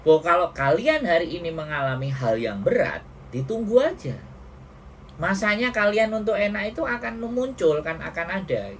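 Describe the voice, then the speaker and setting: A woman from Indonesia hosting an interview, talking in an animated, reflective way. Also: on the low side, normal speed. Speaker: host, interviewer. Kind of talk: casual interview chat. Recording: distant mic, faint noise.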